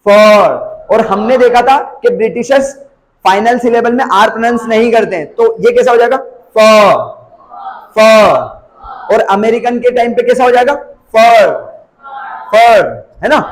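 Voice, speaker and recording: A man teaching English pronunciation, repeating each vowel sound slowly and calling out example words loudly. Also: very high-pitched, rough recording. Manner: slow, drawn-out repetition of each sound. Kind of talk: spoken English lesson.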